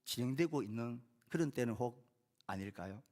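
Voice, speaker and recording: Measured preaching man. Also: medium pitch, lively intonation. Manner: measured, lifting emphasis on key phrases and falling softly at sentence ends; asks the congregation rhetorical questions. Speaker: pastor. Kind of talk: sermon.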